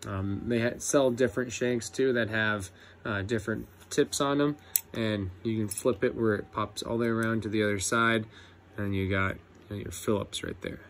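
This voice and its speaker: A young man walks through his tool bag in a loose, unhurried way, his voice sitting a little low. He fills gaps with ums and swears without thinking about it. A faint background noise runs under the recording. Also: steady tone, fairly bright tone. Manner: laid-back, swears a lot, many ums. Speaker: electrician apprentice. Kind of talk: casual tool review vlog.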